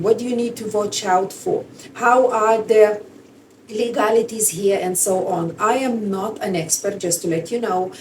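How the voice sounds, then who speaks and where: Woman, forties, lithuanian accent, higher voice, chatty vlog, mic a little far off with faint background hum. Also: darkish tone. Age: 40s. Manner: chatty, plain-spoken, slightly broken English. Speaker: vlogger. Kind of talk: casual vlog chat.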